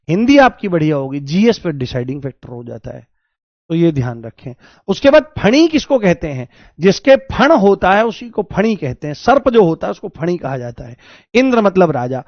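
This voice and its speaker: A high-voiced man leads an exam-prep grammar lesson. He explains each step, repeats the key words and calls out questions to his students. The sound is dry and slightly dull. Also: dry recording. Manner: addresses students as "babu" and "babuji". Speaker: Hindi teacher.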